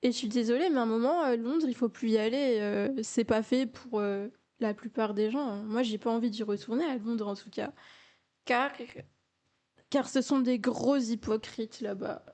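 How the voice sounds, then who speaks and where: A woman's voice: fairly high pitch, normal speed, mellow. A young woman from France telling a casual storytime, chatty, with many fillers and repeated words.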